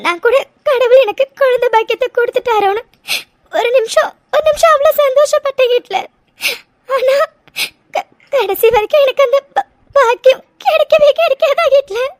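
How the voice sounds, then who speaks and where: Woman voicing a very high, tearful young wife. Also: warm tone, dry recording, studio quality. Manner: sobbing, halting speech. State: crying. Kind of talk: cartoon voice acting.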